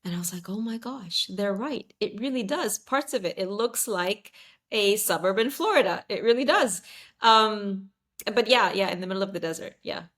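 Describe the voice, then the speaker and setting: This casual interview features a Saudi-raised podcast guest in her thirties, a native Arabic speaker, talking at a moderate pace in a slightly bright, mid-range voice. She laughs readily and her speech is full of fillers and false starts.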